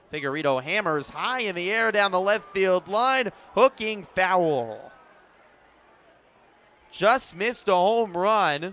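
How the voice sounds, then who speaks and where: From his booth at an open-air ballpark on an evening, a radio announcer gives live play-by-play of a baseball game. His voice sits on the high side and sounds a bit bright.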